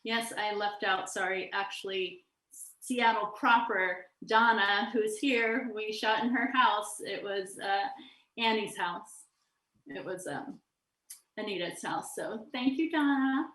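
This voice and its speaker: A woman's voice: mid-range voice, takes it slowly, sharp tone. A woman filmmaker talking casually in a festival question-and-answer session, restarting sentences and laughing often. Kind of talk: festival Q&A conversation. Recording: roomy echo.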